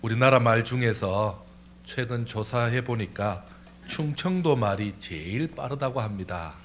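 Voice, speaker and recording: A male senior pastor giving a Sunday sermon in a church, talking lively and putting questions to the congregation. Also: medium pitch, measured pace, a little hiss or hum. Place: church sanctuary.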